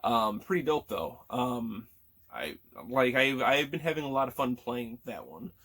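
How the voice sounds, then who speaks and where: A man in his thirties talks in a loose, rambling way, full of ums, restarts and casual swearing. His voice is still cracking after an illness. He sits at a middle pitch for a man. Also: lively intonation, unhurried, a bit bright. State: voice cracking after being sick. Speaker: gaming vlogger. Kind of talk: casual chat.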